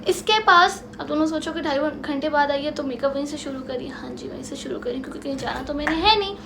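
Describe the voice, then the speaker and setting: A young woman from Pakistan, vlogging at home, telling a story in an animated way, acting out both sides of an argument and slipping into English. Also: high-pitched, a little fast, noisy background. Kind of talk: storytime vlog. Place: lounge at home. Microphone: camera in front of her.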